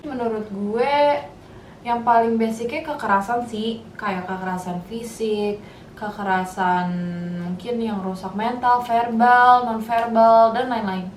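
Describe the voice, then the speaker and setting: An eighteen-year-old Indonesian university student shares her opinions in a casual discussion, speaking a little slowly in a fairly high voice with even intonation. The recording is echoey, with a distant mic and faint noise.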